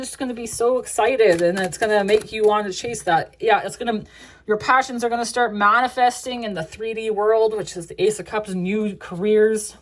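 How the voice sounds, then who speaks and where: A woman's voice: on the high side, slight background noise. A young woman giving a casual tarot reading, rambling with many fillers, laughing often and swearing now and then. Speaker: tarot reader.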